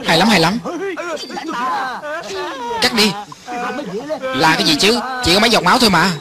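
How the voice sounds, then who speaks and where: A man reading every part of a film as a voice-over, in an even and lightly acted way. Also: sits high, moderate pace, crowd noise. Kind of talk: lector voice-over reading all parts.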